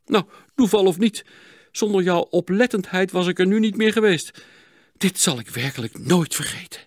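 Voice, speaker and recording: A man reading an audiobook, voicing a frightened middle-aged village doctor who shouts in panic and then stammers his thanks. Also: high-pitched, moderate pace, no echo, clean studio sound, pitched above the performer's own voice, close to an everyday voice. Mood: grateful. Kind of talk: audiobook character voice.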